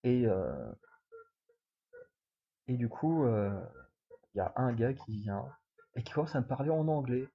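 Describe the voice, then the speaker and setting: Young man from France, vlogger. Casual, rambling storyteller, slightly husky tone, lo-fi sound. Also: medium pitch, very animated, a little slow, long pauses. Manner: rambling, many fillers and restarts.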